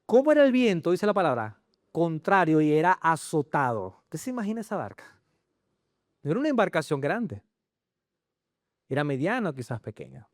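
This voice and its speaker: A male pastor delivers an animated sermon, firing rhetorical questions at his congregation. His voice sits high and swings widely in pitch. The sound is dry and close. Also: normal speed, pauses often, no echo. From Chile. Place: church.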